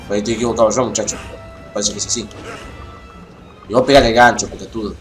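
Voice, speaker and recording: Young argentine gamer, cursing nonstop, game music blaring behind. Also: male voice, on the low side, steady tone, quick pace. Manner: foul-mouthed, ranting, easily exasperated. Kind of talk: gameplay commentary. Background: game music and sounds.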